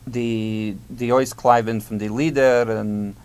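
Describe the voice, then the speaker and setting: A man co-hosting a casual chat, halting and searching for words with many pauses. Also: medium pitch, fairly even intonation, a little mellow, clear, resonant tone. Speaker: podcast co-host.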